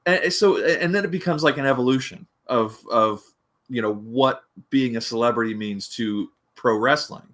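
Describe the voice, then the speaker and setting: A man's voice: medium pitch, moderate pace, fairly bright tone. Rambling man on a podcast. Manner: rambling, frequent restarts, grumbly. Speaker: podcast panelist. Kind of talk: casual podcast chat.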